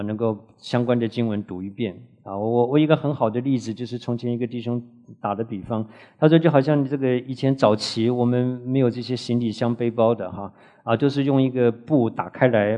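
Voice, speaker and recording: A man's voice: mid-range voice, brisk, dark tone, highs cut off. A man lecturing a Bible class in an earnest teaching manner, often adding filler particles and asking the students questions.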